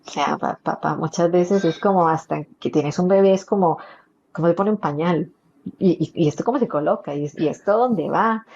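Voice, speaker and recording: A woman's voice: on the low side, normal speed, darkish tone, husky. Psychologist guest, woman, Costa Rican accent, earnest and explanatory, lo-fi dull recording. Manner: explanatory, earnest, uses many fillers. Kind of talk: podcast interview. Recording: dull lo-fi audio.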